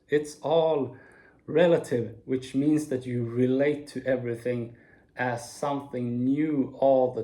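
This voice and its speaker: A man in his forties giving a slow, earnest spoken reflection to camera, with soft laughs now and then. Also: medium pitch. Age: 40s. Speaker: video speaker.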